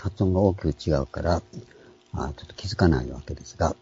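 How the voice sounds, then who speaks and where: A man, a pastor, giving a calm, explanatory sermon with frequent pauses and fillers. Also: extremely low pitch, husky, dull audio. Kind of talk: sermon on scripture names.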